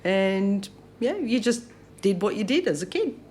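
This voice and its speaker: A woman's voice: mid-range voice, big pitch swings, measured pace, a little mellow, slight background noise. A woman in her fifties from the Central Coast of New South Wales, a friendly, chatty guest bookkeeper in a casual interview. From Central Coast of New South Wales, Australia.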